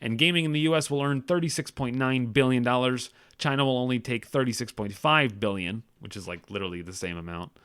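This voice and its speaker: Podcast host, male, casual news reader with a lively pitch and sarcastic asides. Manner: reads figures aloud, then riffs with sarcastic asides; self-deprecating, stumbles and corrects himself.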